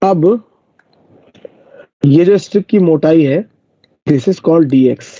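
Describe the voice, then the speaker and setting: A man's voice: a little high, slow, warm tone, dry recording. A man teaching math in a live online class, explaining step by step and checking whether his students follow. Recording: dull lo-fi dry recording.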